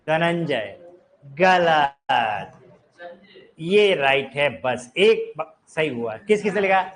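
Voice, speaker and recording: A man's voice: fairly high pitch, lively intonation, slow pace, slight background noise. A man teaching a grammar class, explaining step by step and quizzing his students. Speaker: Hindi teacher. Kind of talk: classroom lecture.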